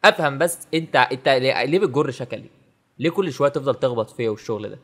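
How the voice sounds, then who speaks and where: A man's voice: medium pitch, animated, racing, a bit bright. A man with an Egyptian Arabic accent giving teasing, mock-exasperated comedy commentary on a sketch. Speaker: comedy reaction host.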